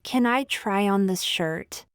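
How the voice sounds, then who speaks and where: A woman reading short everyday phrases one at a time for language learners, slow and deliberate. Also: medium pitch, smooth, no echo, studio quality. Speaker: language teacher.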